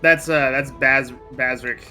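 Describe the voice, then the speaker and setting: A man's voice: mid-range voice, fairly even intonation, measured pace, loud music behind the voice. A man joking casually as a player on a tabletop game livestream, with a mock-serious delivery.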